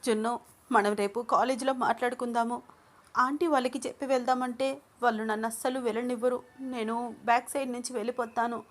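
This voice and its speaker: A woman voicing Anu, a hurt and defiant young woman who shifts from tearful pleading to shouting. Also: fairly high pitch, fairly even intonation, a little fast, voice pushed up, lightly acted. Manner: tearful then shouting angrily.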